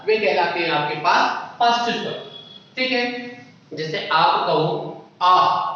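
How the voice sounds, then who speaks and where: Guy teaching a class, high bright voice, keeps asking questions and checking in, very echoey and muffled from far off. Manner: repeats checks like "ठीक है" and rhetorical questions, draws out vowel sounds. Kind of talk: classroom lesson on Hindi phonetics. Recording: echoey room, far from the mic, dull lo-fi sound.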